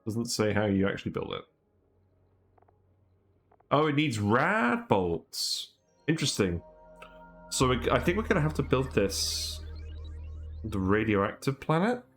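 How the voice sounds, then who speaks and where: A man's voice: mid-range voice, very animated, a little slow, pauses often, a bit bright. A man streaming a game and chatting casually, rambling and thinking aloud with fillers and little laughs. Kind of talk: casual gameplay commentary. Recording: faint background music.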